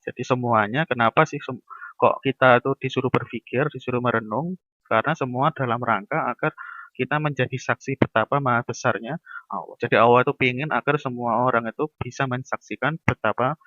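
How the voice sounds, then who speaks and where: Guy lecturing casually, mid-pitched voice, muffled dry audio. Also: a little fast, pushed and bright, no echo. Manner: informal, talks through everyday examples and acts out little dialogues.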